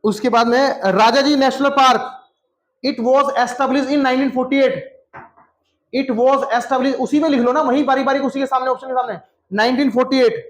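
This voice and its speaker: A man's voice: extremely high pitch, fairly even intonation, moderate pace. A man teaching a classroom lesson, repeating answers over and over and quizzing students by name. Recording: echoey classroom.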